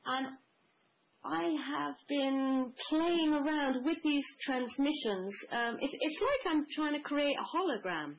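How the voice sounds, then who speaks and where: A woman's voice: high-pitched, expressive, takes it slowly, lo-fi sound. A woman guest in a spiritual conversation, speaking in a flowing, mystical way, piling up long lists.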